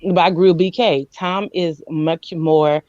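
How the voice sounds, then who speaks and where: A woman co-hosting a movie review podcast in casual chat. She talks excitedly and jumps into high squeals when acting out scenes. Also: moderate pace, no room sound. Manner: excitable, acts out scenes with squealing quoted voices. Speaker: podcast co-host. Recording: muffled lo-fi dry sound.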